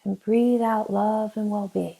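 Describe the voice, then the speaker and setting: In a low-quality recording, a meditation teacher gives gentle, unhurried instructions with long pauses. Her voice is mid-range and gravelly, with fairly even intonation.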